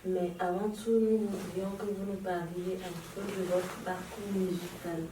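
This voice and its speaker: A woman's voice: fairly low pitch, little pitch movement, unhurried. A woman interviewing a guest in a formal, polite way. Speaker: interviewer, filmmaker. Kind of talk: interview questions. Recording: echoey room, mic far off, faint noise.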